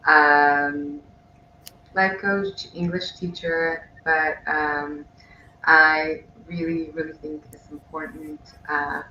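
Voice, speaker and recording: A man in his twenties introducing himself as a panel guest, speaking in a halting, stop-start way with many fillers. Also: on the high side, gravelly, sharp tone, reverberant, highs cut off, slight background noise. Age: 20s.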